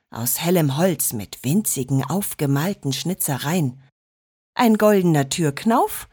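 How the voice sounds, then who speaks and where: A woman narrating a children's story in an expressive storytelling manner. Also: on the low side, husky, no echo, studio quality.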